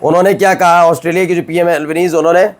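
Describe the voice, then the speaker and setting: A man anchoring a news roundup, his voice sitting a little high for a man. He talks to viewers directly and emphatically, often asking rhetorical questions before answering them. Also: little pitch movement, rapid-fire. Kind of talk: conversational news presenting.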